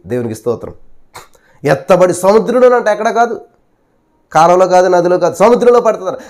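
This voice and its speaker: A high-voiced male preacher giving a sermon, firing rhetorical questions at his listeners. He punctuates his points with hallelujahs. He swings between loud emphasis and sudden hushed asides.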